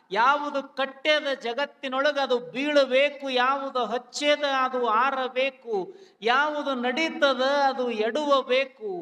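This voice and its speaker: A man voicing a calm motherly woman who consoles a widow with proverbs, in a North Karnataka accent, in a folk drama recitation. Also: very high-pitched, distant mic, heavily acted. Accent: North Karnataka Kannada. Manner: soothing, preaching with proverbs. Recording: long hall reverb.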